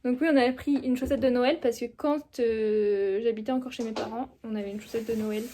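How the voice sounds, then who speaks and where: A woman's voice: a little high, fairly even intonation, fairly quick, dark tone. A young woman vlogging at home in a chatty, enthusiastic way, with many fillers. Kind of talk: casual chat.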